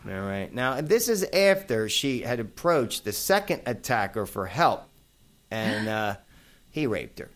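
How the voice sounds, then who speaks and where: A man's voice: medium pitch, a little slow. A man in his fifties with a New York accent, hosting a casual talk radio show and chatting brashly with listeners. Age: 50s. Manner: brash and animated, addressing listeners as folks. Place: radio studio.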